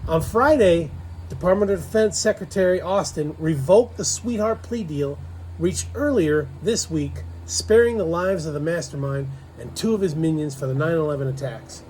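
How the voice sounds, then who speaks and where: An American man with a notably high voice hosts casual political commentary. He speaks with sarcasm and keeps throwing out rhetorical questions. There is faint outdoor background noise behind him. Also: normal speed, darkish tone, poor audio. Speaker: co-host of a political commentary show. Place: outdoors in a backyard.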